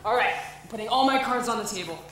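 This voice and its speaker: A student playing a fretful, blustering show producer with a weak heart in a stage musical. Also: female voice, on the high side, fast, a bit bright, lightly acted. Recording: echoey auditorium from far off.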